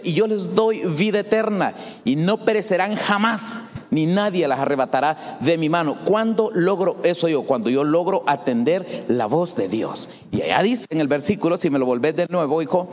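A man's voice: a little high, darkish tone, in a large hall. A man preaching a sermon as a pastor. He speaks straight to his congregation with rising emphasis.

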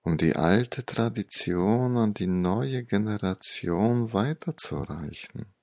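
Very slow, deep, gravelly man, sage-like. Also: expressive, darkish tone, no room sound, studio quality. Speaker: meditation guide and storyteller. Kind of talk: hypnotic guided meditation storytelling.

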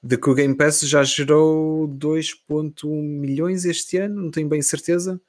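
A man's voice: on the high side, level tone, measured pace, darkish tone. A man with a European Portuguese accent talking casually about the games industry as a podcast co-host.

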